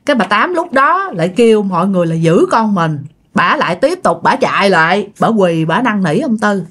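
A woman's voice: medium pitch, sing-song, moderate pace, fairly bright tone, breathy edge. A woman telling a ghost story in a chatty way, talking straight to her listeners. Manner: chatty, addresses listeners directly.

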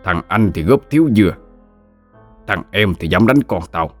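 A man's voice: low-pitched, animated, normal speed, soft background music. A man voicing a hot-tempered old landlord who barks contemptuous orders. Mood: furious.

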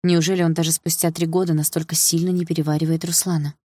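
Brief: female first-person audiobook narrator, low pitch, dry sound. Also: little pitch movement, quick pace, warm tone, dry recording.

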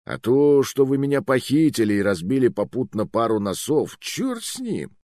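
A man's voice: medium pitch, sing-song, moderate pace, a little mellow, no echo, clean studio sound, pitched above the performer's own voice, close to an everyday voice. A man voicing a mocking bearded officer captured by rogues, in an audiobook reading. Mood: ingratiating. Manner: sneering, scoffing. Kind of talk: audiobook narration.

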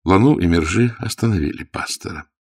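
Low, creaky male storyteller. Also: expressive, a little fast, darkish tone, no room sound, studio quality. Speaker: narrator. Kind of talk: reading a classic novel aloud.

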